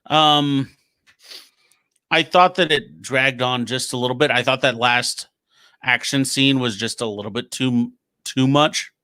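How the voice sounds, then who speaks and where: A man's voice: medium pitch, a little slow, pushed and bright, clean tone, dry recording, clean studio sound. A young man co-hosting a casual movie review podcast, easygoing and agreeable, often restarting his sentences. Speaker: podcast co-host.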